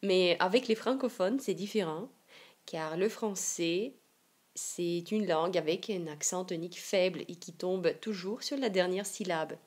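A woman with a Russian accent gives an online language lesson in a lower-pitched voice. She speaks slowly and carefully, pausing between phrases, and reads examples aloud for her learners to follow. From Siberia, Russia. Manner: slow, careful explanations with example readings.

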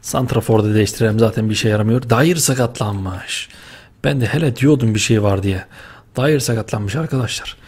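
A young man giving lively, excitable commentary while playing a football video game, cheering and scolding his players with slang. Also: on the low side, a little fast, breathy edge. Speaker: gaming YouTuber.

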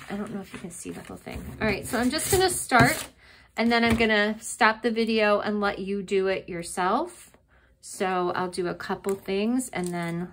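A middle-aged woman with a mid-range voice walks children through a drawing lesson step by step, patient and encouraging. She's an art teacher recorded at her desk on the camera mic, with a little hiss or hum in the audio.

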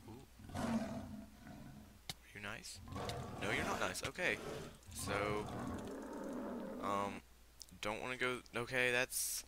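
A man's voice: fairly low pitch, very slow, pauses often, very noisy. A teenage boy with a fever giving casual, rambling commentary on his game, full of fillers and startled reactions. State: sick with fever. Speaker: gamer.

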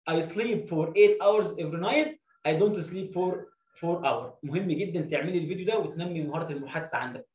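A high-pitched man with an Egyptian Arabic accent, teaching. He drags out example sentences slowly, rushes through his explanations, and breaks words into syllables. The room around him is echoey. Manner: says example sentences slowly, then explains in quick bursts. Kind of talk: classroom-style explanation.

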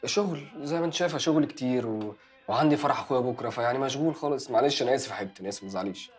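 An actor with an Egyptian accent playing an evasive young man who makes smooth excuses to his girlfriend. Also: medium pitch, soft background music, natural voice. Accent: Egyptian Arabic. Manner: smooth, fast excuse-making. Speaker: actor in a TV drama series. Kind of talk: TV drama acting.

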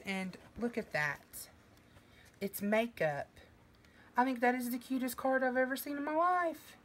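Opening her mail at home in the living room, a middle-aged woman vlogs and pours out warm, filler-laden thanks. Her voice, on the high side, is fading because of a sinus infection, and the recording carries a little hiss or hum.

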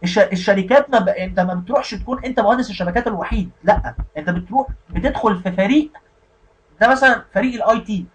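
Male instructor, Egyptian Arabic accent, breathy and very fast, casual lesson style with frequent check-ins. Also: sits high, rough recording. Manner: keeps checking in with the listener. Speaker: IT career instructor.

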